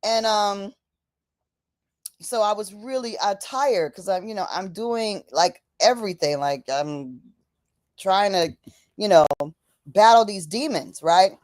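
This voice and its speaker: A woman's voice: medium pitch, takes it slowly, a little mellow, dry recording, clean studio sound. A woman hosting a livestream, talking casually and fervently, repeating phrases for emphasis and calling out to "y'all". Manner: casual, many fillers, says "y'all". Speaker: livestream host. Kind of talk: impassioned livestream talk.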